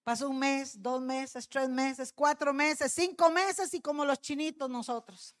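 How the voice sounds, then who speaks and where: High-voiced woman preaching testimony. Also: steady tone, unhurried. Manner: storytelling, addresses congregation as brothers. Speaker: pastor's wife preaching. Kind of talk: testimony sermon.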